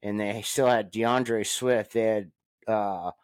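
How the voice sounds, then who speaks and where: Slow-talking man on a sports podcast. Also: fairly low pitch, clean tone, dry recording. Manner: joking, laughs often, relaxed. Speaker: podcast co-host. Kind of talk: casual sports chat.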